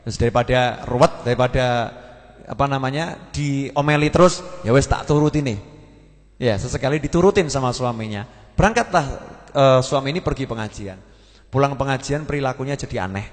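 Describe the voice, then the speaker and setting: A man's voice: medium pitch, fairly quick, in a large hall. A man with a Javanese accent preaching a humorous sermon, telling stories and mixing in Javanese words. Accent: Javanese-accented Indonesian. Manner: joking storyteller, slips into Javanese words.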